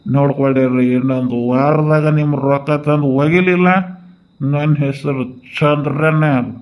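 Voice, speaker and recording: A man's voice: fairly high pitch, steady tone, normal speed, a little mellow, close to an everyday voice, low-quality recording. A man voicing a boastful, drinking village husband in a cartoon, speaking brusquely. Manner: brusque, dismissive. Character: drunken boastful village husband, middle-aged.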